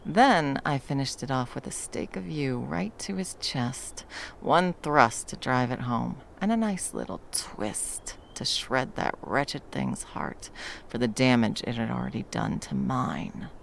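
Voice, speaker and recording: A woman voices a battle-hardened monster hunter in an intimate ASMR roleplay, fiercely protective of her lover and carrying a grim satisfaction. Her extremely low, gravelly voice moves slowly and is heavily acted, swinging widely between dry menace and tenderness. Faint background noise lies underneath.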